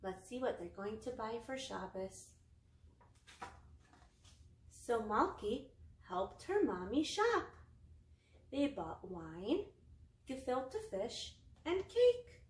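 A young woman reads a picture book aloud for a children's storytime, using simple sing-song phrases from a couch in a small living room. Her voice is a little high and very animated, slow, with long pauses, and the recording carries roomy indoor echo.

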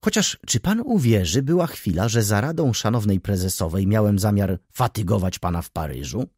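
A fussy, talkative graying baron, read by a man, ceremonious and eager to please. The voice sits low and slightly husky, with a lively, swinging pitch. It sounds close and dry, with no room echo. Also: a little fast. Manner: talkative, ceremonious, addresses listener as "panie".

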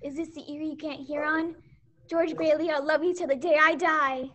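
Teenage girl as Mary, high-voiced sweet little girl. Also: steady tone, normal speed, fairly bright tone. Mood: sweet, curious. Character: sweet, stubborn, smitten young girl. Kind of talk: staged radio play.

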